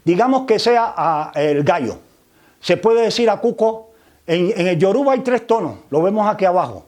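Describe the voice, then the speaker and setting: In an explanatory lecture on religious vocabulary, a man speaks in a high, lively voice with a somewhat dark tone at a moderate pace. He frequently adds tag questions and repeats words while he searches for the next one.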